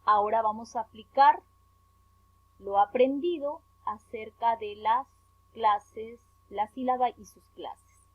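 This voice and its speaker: Peruvian lady teacher, talks real slow, stresses syllables, sounds like over a phone. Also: a little high, no echo. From Peru. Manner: slow, careful, stresses syllables when spelling words out. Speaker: primary school teacher. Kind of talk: remote class lesson explaining worksheet. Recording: tinny phone-like audio, dry.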